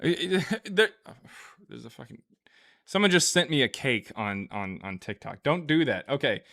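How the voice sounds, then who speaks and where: A man's voice: medium pitch, sing-song, a little slow, gravelly, bright, forceful tone. A man hosting a live stream, chatting casually and arguing bluntly, often laughing. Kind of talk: casual debate chat.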